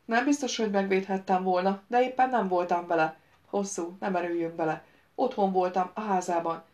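Woman reading Tiria, a cool sharp-tongued bodyguard. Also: medium pitch, highs cut off, natural voice. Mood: cutting. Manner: cool, cutting.

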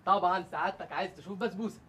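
A man's voice: sits high, rapid-fire, very noisy, close to an everyday voice. An actor with an Egyptian accent playing a fawning, servile comic man.

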